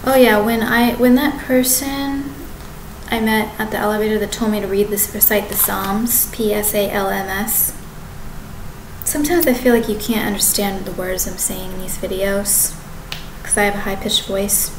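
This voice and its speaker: Sitting in her living room with the kitchen in the background, a woman in her thirties vlogs a rambling monologue straight to her webcam, which sits at desk distance. She speaks in a steady, mid-range voice, frequently stopping, restarting and correcting herself, over echo and background noise.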